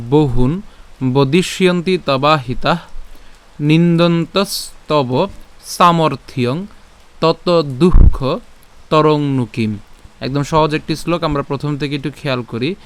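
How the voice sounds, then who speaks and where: A man teaching a Sanskrit verse syllable by syllable. He asks questions and answers them himself, repeating each sound slowly. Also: on the high side, clean tone. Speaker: Gita recitation teacher. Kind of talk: slow syllable-by-syllable Sanskrit pronunciation lesson.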